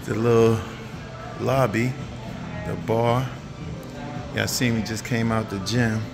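A man's voice: on the low side, takes it slowly, creaky, music in the background. A man chatting casually and jokingly on a vlog. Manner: relaxed, joking. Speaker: vlogger.

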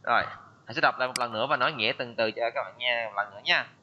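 A man's voice: medium pitch, racing, highs cut off, slight background noise. A man teaching an English class online, reading vocabulary words and explaining them. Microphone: computer mic on a video call.

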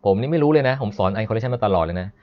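A man teaching a live online programming class, chatty and explanatory, stopping to read code aloud slowly. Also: medium pitch, animated. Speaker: programming instructor. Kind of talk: live-streamed coding lesson. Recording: dull lo-fi stream audio.

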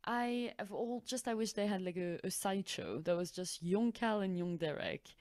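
A woman co-hosting a podcast, chatting casually and quickly with many "like" fillers. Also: mid-range voice, darkish tone, no echo. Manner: chatty, quick asides with lots of "like". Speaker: podcast co-host. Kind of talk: casual chat.

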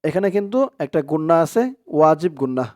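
A man teaching Quran reading. He chants each Arabic word slowly and loudly, then explains the pronunciation rules in quick, soft speech. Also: on the high side, animated, no echo, clean studio sound. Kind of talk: Quran reading lesson, recitation with Bengali explanation.

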